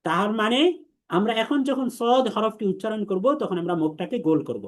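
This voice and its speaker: This male Quran teacher has a high voice with lively intonation. Teaching Arabic letters online, he repeats each sound slowly and patiently while drilling the class.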